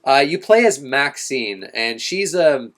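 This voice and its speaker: A young man talks through a game review in a casual, unscripted way. His pitch sits in the ordinary middle range for a man, and he often stumbles and restarts his sentences with plenty of fillers. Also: expressive, takes it slowly, a bit bright. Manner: rambling, many restarts and fillers.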